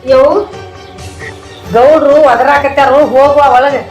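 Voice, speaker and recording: A woman's voice: high voice, little pitch movement, unhurried, a little mellow, muffled recording, soft background music. A woman playing a devadasi mother in a village skit, calling and pleading with a North Karnataka Kannada accent.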